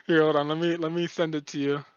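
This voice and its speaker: A man's voice: a little high, a bit bright, clean tone, no echo, highs cut off. Young man telling a rambling, swearing story. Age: young adult. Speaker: podcast co-host. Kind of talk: casual podcast chat.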